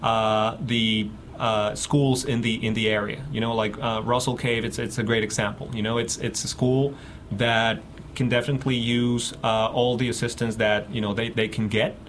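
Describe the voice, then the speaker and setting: Man from Mexico, mid-pitched voice, halting speech, frequent fillers, faint background hiss. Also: flat delivery, a bit bright. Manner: halting, many fillers and repeats. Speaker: guest researcher. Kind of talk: radio interview.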